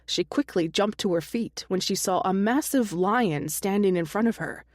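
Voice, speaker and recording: A woman's voice: medium pitch, moderate pace, a little mellow, dry recording, clean studio sound. A woman narrating a romance audiobook, reading every character herself with small shifts in her voice.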